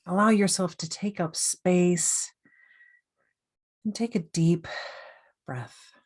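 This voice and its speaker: A woman coach leading a guided meditation in a slow, soothing, gently inviting way. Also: lowish voice.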